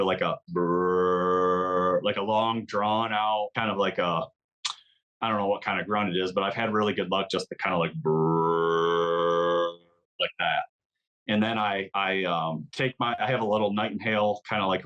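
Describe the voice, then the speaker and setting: Low-voiced man telling a hunting story. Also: a bit bright, rough recording. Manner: vivid storyteller, many "like"s, mimics deer calls. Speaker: podcast guest, hunter. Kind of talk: casual storytelling.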